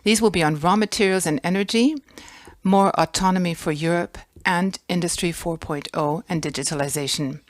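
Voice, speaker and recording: Woman, low voice, formal conference welcome, dry close sound. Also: dry recording. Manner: gracious, formal, listing guests with pauses. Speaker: conference host. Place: conference hall.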